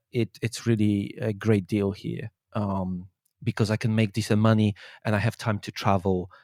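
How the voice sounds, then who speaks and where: A man's voice: lowish voice, darkish tone, dry recording. Guy, 30s, chatting on a call, keeps restarting his words, dry close sound. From Poland. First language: Polish. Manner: hesitant, repeats words while finding his thoughts. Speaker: guest, urban explorer and maths teacher. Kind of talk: casual interview chat.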